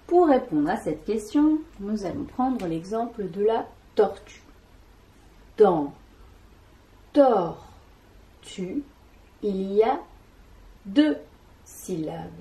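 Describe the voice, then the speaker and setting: A woman teacher giving an early reading lesson to young children, sounding out syllables one by one in a slow and deliberate way. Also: mid-range voice, lively intonation, warm tone. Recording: echoey room.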